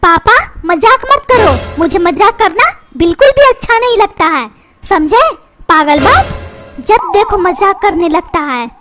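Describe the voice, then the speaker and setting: एक महिला कार्टून में बदतमीज़, मुँहफट स्कूली लड़के की आवाज़ दे रही है, जो पलटकर जवाब देता है।. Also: female voice, very high-pitched, expressive, a little slow, over loud music. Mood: cheeky. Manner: sassy, talks back, threatens. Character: cheeky rude cartoon schoolboy son. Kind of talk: comedy cartoon dubbing.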